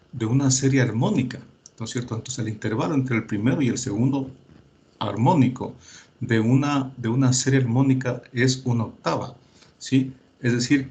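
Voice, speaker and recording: A man teaching a class, working through calculations step by step, often pausing with fillers and checking that his students follow. He tells them to verify the results themselves. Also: mid-range voice, darkish tone. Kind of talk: lecture.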